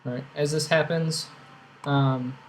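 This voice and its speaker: A young man narrating a tabletop game as game master, casual and halting, with many fillers. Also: fairly high pitch, fairly even intonation, a little hiss or hum, low-quality recording.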